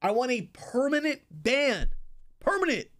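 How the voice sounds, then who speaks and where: A young man livestreamer in an enraged, yelling, sweary rant at his chat. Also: very high voice, sing-song, unhurried. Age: young adult. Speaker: livestream host. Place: small bedroom streaming setup, indoors.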